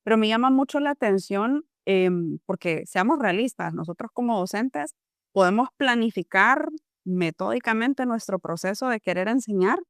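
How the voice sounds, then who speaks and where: Smooth-voiced woman podcast host. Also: medium pitch, lively intonation, no room sound, studio quality. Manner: thoughtful, measured questioning. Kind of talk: interview questions.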